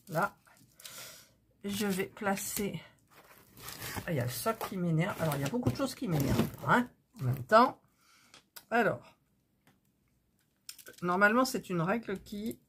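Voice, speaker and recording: Chatty low-voiced woman crafting at her desk. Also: noisy background. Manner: chatty, self-interrupting, easily flustered. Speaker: craft channel host. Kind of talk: casual chat while crafting. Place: home desk.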